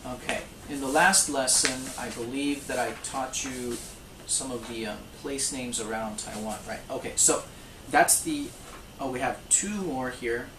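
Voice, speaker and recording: A language teacher giving a recorded lesson, saying phrases slowly and repeating them for practice, and often stopping to correct themself. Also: mid-range voice, echoey room, recorded from a distance, background noise.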